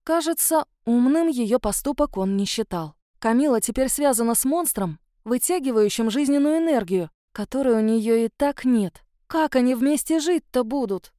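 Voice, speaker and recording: Woman audiobook narrator, higher-pitched, dry and close. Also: animated, normal speed, hardly any pauses, mellow, dry recording. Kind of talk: first-person audiobook narration.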